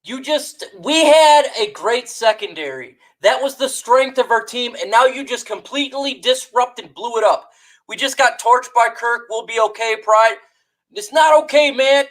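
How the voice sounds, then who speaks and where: High-pitched woman, exasperated live-stream rant, fired-up, shout-outs to chat. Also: moderate pace, rough recording.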